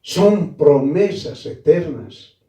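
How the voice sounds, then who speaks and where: A man preaching a sermon slowly and emphatically, repeating key phrases and calling his listeners brother. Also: on the high side, animated, mellow, roomy sound, distant mic.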